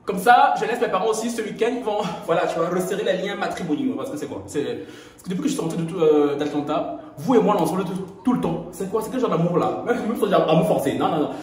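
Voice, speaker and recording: Playful man in a very echoey bathroom. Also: fast talker. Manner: playful, laughing often, animated swings in pitch. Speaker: gossip YouTuber. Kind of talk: casual vlog chat. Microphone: camera or phone while doing skincare. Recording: very echoey room.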